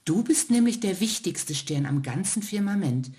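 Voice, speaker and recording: A woman's voice: medium pitch, animated, normal speed, mellow, voice pushed up, close to an everyday voice. A woman voicing the oldest star, wise and caring, in a bedtime story. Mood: gentle.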